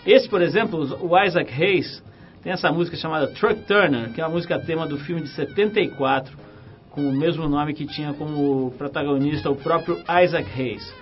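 A man's voice: a little high, a little fast. A man with a São Paulo Brazilian accent hosting a radio show in a casual, chatty, slangy way. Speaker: radio host. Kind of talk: casual radio interview and magazine-show presenting. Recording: dull radio broadcast with music.

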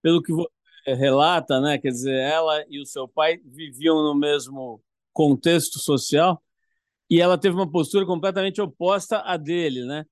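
A man interviewing a guest, asking questions in a measured way and often adding "né". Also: a little high, steady tone, dry recording, studio quality. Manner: measured, many "né" tags.

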